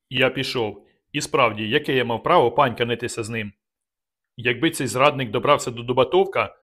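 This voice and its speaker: A man reading a novel aloud in the first person, in a steady, measured way. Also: mid-range voice. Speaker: audiobook reader.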